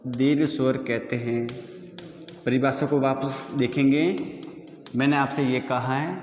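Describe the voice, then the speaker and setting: A male school teacher giving a grammar lesson, patiently repeating definitions and quizzing his students. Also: on the high side. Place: school classroom. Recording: echoey room with long reverb.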